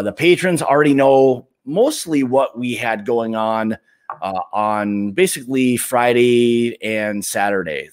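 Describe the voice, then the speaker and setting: A middle-aged man hosting a casual livestream from a home bar, talking in a relaxed, rambling way with lots of fillers. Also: medium pitch. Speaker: livestream host. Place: home bar room lined with bottles.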